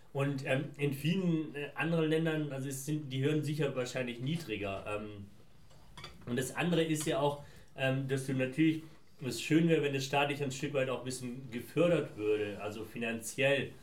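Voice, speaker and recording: Reflective man in a roomy room. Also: mid-range voice. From Afghanistan. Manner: reflective, talks in long winding sentences. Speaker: guest, founder. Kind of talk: casual interview answers. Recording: roomy echo.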